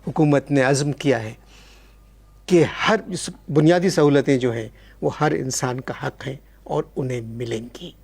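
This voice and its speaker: A man playing a polite, formal TV host who tries to calm an angry guest in a satirical sketch. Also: medium pitch, measured pace, vocal fry, breathy edge.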